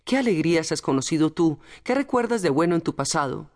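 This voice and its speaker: A woman's voice: low voice, lively intonation, a little fast, darkish tone. A woman voicing an earnest, firm young male factory worker speaking to his mother in an audiobook. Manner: firm, fervent, tender. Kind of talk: audiobook character voice.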